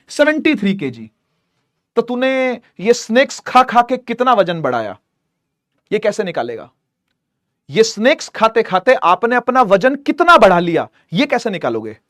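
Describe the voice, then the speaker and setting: High-voiced, playful male physics teacher. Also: fairly bright tone, no room sound, clean studio sound. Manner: playful, teasing, jokes with students; calls students "beta" affectionately. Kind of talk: lively classroom lecture.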